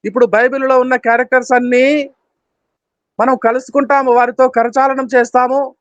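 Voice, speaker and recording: A man's voice: extremely high pitch, flat delivery, brisk, no room sound. A man in his fifties preaching an Easter sermon, emphatic and repetitive, with rhythmic lists and short English phrases. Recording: dull, dry lo-fi recording.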